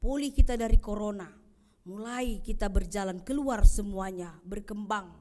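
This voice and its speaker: A woman pastor giving an Easter sermon, swinging between loud calls and soft low passages and asking the congregation questions. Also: moderate pace.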